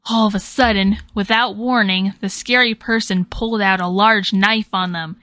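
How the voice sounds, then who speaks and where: A woman narrating a storybook tale in an expressive, dramatic way. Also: mid-range voice, normal speed, no room sound.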